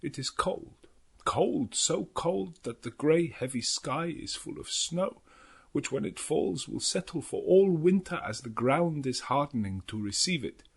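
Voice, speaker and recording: Voicing a devout, earnest old foreign professor who hunts vampires, the performer reads a journal aloud in dramatic audiobook style. This male voice is pitched above his own, a little high, animated, gravelly, slightly rough, and exaggerated, with swooping intonation. Grave and concerned, he uses halting, non-native English phrasing in a deliberate, dramatic manner.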